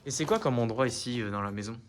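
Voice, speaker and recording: A man's voice: medium pitch, fast. Young guy on a night exploration vlog, casual chat, average voice, bit of background noise. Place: inside an abandoned house at night.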